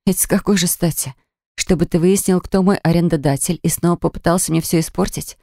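A woman voicing a proud, sharp-tongued young woman. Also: fairly low pitch, steady tone, fairly quick, vocal fry, no echo, clean studio sound. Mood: cold, defiant.

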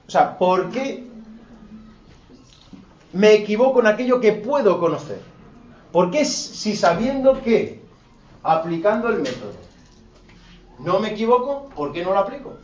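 A man with a high voice and a Spain Spanish accent lectures a philosophy class, piling up rhetorical questions and slipping into blunt, teasing asides to the students. He sounds set back from the microphone in a roomy classroom, and the sound is muffled and dull. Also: a little hiss or hum. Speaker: philosophy teacher. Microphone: distant room mic. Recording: echoey, dull classroom audio from far off.

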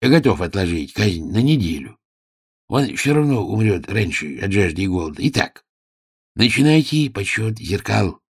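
A man voicing a vain, capricious, suspicious little male king in an audiobook drama, with a husky low voice. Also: big pitch swings, moderate pace, no echo, clean studio sound, full character voice.

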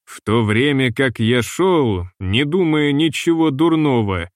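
A man reading the part of a fussy, gloomy ship's purser who speaks slowly and mournfully, in a dry recording. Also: mid-range voice, expressive, dry recording, lightly acted. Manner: slow, mournful and long-winded.

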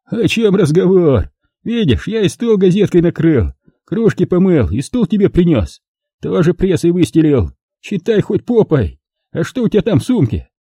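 A man voicing a spiteful, coarse middle-aged alcoholic brother in a slow drunken drawl. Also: sits high, big pitch swings, warm tone, breathy edge, no room sound, studio quality, voice pushed up, full character voice. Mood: drunk, boastful.

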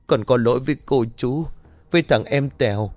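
A man's voice: medium pitch, normal speed, dry recording, voice pushed up, close to an everyday voice. A man voicing a young servant girl who pleads and cries out in grief. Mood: anguished.

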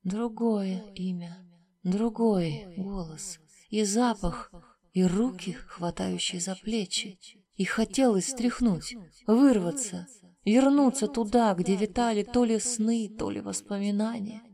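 A woman's voice: medium pitch, slow pace, dark tone. A woman narrating a first-person fantasy audiobook with emotional, breathless storytelling.

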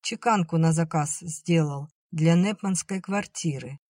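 A narrator voicing a gentle young man, a student, who talks softly to soothe his mother in an audiobook reading. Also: mid-range voice, a little slow, no echo, studio quality, close to an everyday voice. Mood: calm.

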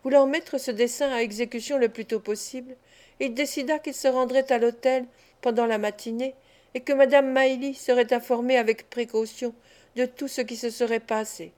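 A woman narrating a classic novel as an audiobook, in a measured, expressive reading. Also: fairly high pitch. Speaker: audiobook reader.

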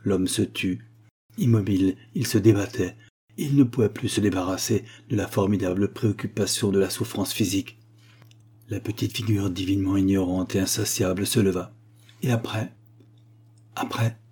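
A man narrating a literary story in a measured, grave storytelling manner. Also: sits low, fairly even intonation, warm tone, breathy edge.

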